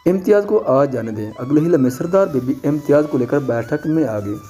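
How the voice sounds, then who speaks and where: A man reading a first-person detective story aloud in a steady, measured way. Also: on the high side, faint music behind. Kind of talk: scripted first-person narration.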